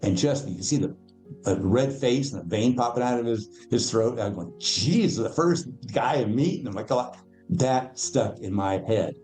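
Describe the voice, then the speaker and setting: His mid-range voice is expressive and dark-toned, at a moderate pace, over faint background music. The man, a financial educator guesting on a podcast, speaks in a casual interview style, telling stories with emphasis and voicing the characters in them.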